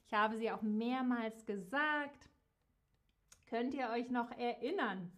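A woman who teaches a live geography lesson to viewers, speaking slowly and clearly and repeating key words. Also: fairly high pitch. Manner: slow, repeats key words, warm direct address to viewers. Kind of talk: slow, clearly articulated live-stream lesson.

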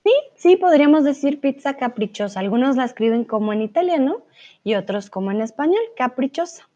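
A woman teaching Spanish in a live online lesson, chatting and reading viewers' comments aloud, saying words slowly and carefully for learners. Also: high voice, lively intonation, dark tone. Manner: slow, careful pronunciation for learners. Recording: slightly dull, lo-fi sound.

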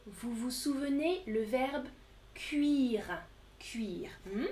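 A woman teaching French vocabulary in a live online lesson, speaking slowly and clearly and repeating each word for learners. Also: sits high, slight background noise.

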